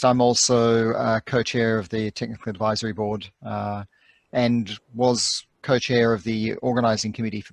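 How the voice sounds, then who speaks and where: A man introducing himself in an online meeting, measured with hesitant fillers and dry humor. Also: lowish voice, creaky, no room sound. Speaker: research infrastructure manager. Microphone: video call.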